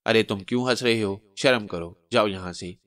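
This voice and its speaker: A man's voice: fairly low pitch, normal speed, fairly bright tone, dry recording, lightly acted. A man voicing a noblewoman wife who mocks and scolds. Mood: teasing. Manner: mocking, scolding. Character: teasing then stern noblewoman wife.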